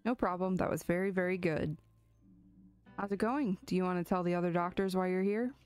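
A woman voicing a pompous, self-satisfied pigeon doctor in a game, formal and measured. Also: on the low side, steady tone, darkish tone, smooth, soft background music, close to an everyday voice. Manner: formal, measured bedside manner.

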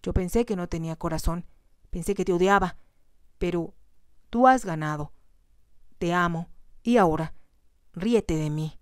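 Heartbroken young bride, read by a woman in whispered role-play, soft, pleading, dry close sound. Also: fairly low pitch, moderate pace, pauses often, dry recording, lightly acted.

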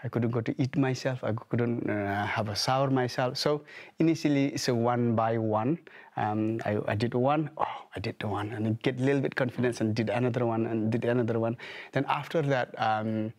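A man's voice: medium pitch, steady tone, fairly quick, darkish tone. Nepali-accented man, hesitant studio guest. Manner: hesitant, many fillers and restarts. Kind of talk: news studio interview. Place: TV news studio. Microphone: lapel mic.

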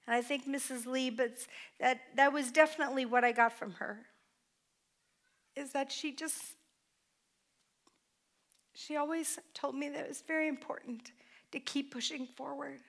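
A woman's voice: sits high, steady tone, moderate pace, gravelly, pauses often. A middle-aged woman pastor giving a heartfelt sermon in a church hall, picked up by a distant microphone. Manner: heartfelt, tearful at times, with soft laughs. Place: church hall with a small stage.

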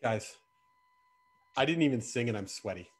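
A man's voice: mid-range voice, animated, normal speed. A man hosting a camp live stream in a playful, chatty, joking way. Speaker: camp staff host. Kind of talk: casual live-stream chat.

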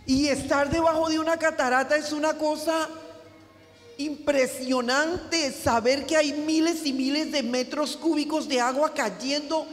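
High-voiced woman pastor preaching in a hall. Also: fairly even intonation, measured pace, soft background music. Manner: emphatic preaching with repetition. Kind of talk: sermon. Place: church.

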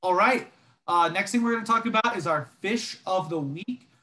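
Young male co-host, slightly high voice, easygoing storyteller with plenty of ums, heard over a video call. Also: normal speed, a little hiss or hum. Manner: relaxed storytelling with frequent fillers. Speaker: podcast co-host. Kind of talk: casual chat.

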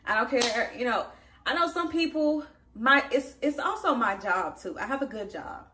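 A woman's voice: a little high, expressive, normal speed, sharp tone, distant mic. A woman in her thirties, a working mom, chatting casually to camera from her home kitchen with lots of fillers. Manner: chatty, upbeat, frequent fillers. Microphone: camera across the room. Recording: echoey kitchen, voice from afar.

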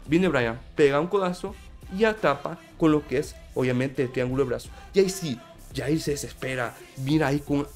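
A man commenting on a fight in an opinion video, talking emphatically to his viewers while he has a sore throat. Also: on the high side. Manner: emphatic, repetitive, addresses viewers directly. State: sore throat, slightly feverish. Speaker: MMA commentator.

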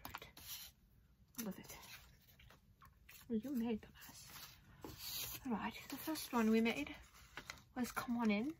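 A scatterbrained, self-pleased Mad Hatter, acted by a woman for an ASMR roleplay. The voice sits fairly high and stays soft and playful, often sinking to a secretive whisper. The recording is clearly noisy, with paper rustle and small clicks. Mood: playful, mock-scolding. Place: indoors at a craft table.

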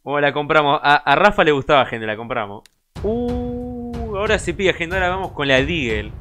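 A young man with a Rioplatense Spanish accent, giving excitable, casual gameplay commentary as a streamer and talking straight to his chat. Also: a little high, fast, a little hiss or hum. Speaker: gaming streamer.

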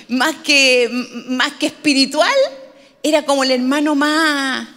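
Lady pastor, high voice, chatty sermon with jokes, echoey church. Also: steady tone, takes it slowly, sharp tone. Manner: storytelling, conversational, humorous asides.

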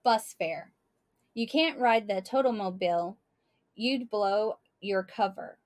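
A woman's voice: mid-range voice, slow pace, darkish tone, close to an everyday voice. A woman voicing a self-assured boy detective who talks in a confident, bossy way, reading from a storybook.

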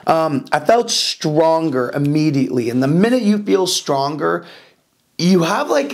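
A young man talking casually to camera as a fitness vlogger, blunt and swearing often, with lots of fillers. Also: fairly high pitch.

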